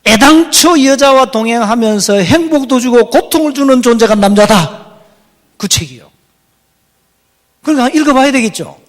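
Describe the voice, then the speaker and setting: A middle-aged pastor, preaching a folksy, teasing sermon. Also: male voice, very high-pitched, animated, normal speed, pauses often, big-room sound. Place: church hall.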